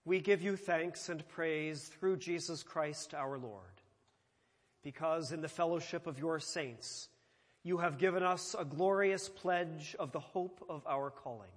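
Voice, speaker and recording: A man presiding at a church liturgy, reciting prayers in a slow, measured way, with a long cathedral echo around his voice. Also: on the high side. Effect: cathedral echo, long church reverb. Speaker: presiding minister. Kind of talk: leading a eucharistic liturgy. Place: large church sanctuary. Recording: long reverb of a large church.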